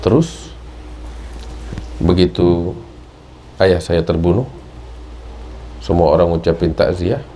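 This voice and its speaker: An Indonesian-accented man preaches at a religious study class, with a mellow, relaxed tone and a lowish voice. He tells stories and climbs to emphatic high points. A faint hiss of background noise sits under the recording. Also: takes it slowly, long pauses, poor audio. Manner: storytelling, rising to emphatic peaks. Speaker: religious teacher. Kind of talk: Islamic study sermon.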